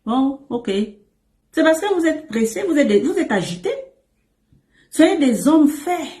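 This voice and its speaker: In an echoey room, a woman with a high, slightly slow voice coaches men on relationships in a casual way. She is emphatic and repeats herself, often calls the listener her emperor, and keeps things animated and playful with asides and laughter.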